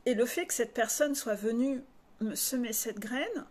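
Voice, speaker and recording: Frank, slangy woman coach with a high voice. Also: expressive, measured pace, a little mellow. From northern France. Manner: frank and confiding, with blunt slang. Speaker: life coach. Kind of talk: candid personal monologue to followers.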